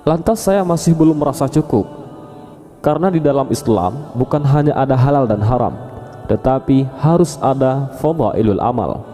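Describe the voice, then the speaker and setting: A man voicing an elderly woman scholar, calm and learned, in a soft, even delivery, speaking in a story. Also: mid-range voice, normal speed, long reverb tail, faint music behind, natural voice.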